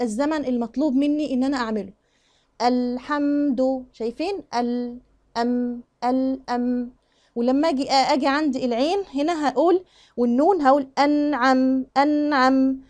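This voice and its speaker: A woman with an Egyptian Arabic accent teaching Quran recitation, demonstrating right and wrong pronunciations and reciting the examples slowly. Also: high voice, a little mellow. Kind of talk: tajweed lesson with slow recited examples.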